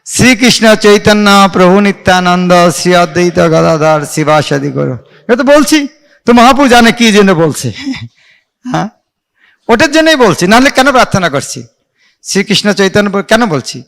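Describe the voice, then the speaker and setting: High-voiced man giving a devotional class. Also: animated, vocal fry, fairly bright tone. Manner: asks the audience questions, chants verses slowly.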